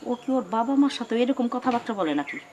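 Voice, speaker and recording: A woman's voice: a little high, expressive, brisk, a little mellow, lo-fi sound, natural voice. A woman with a rural Pabna Bengali accent playing a lecturing, indignant mother-in-law. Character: scolding middle-aged mother-in-law.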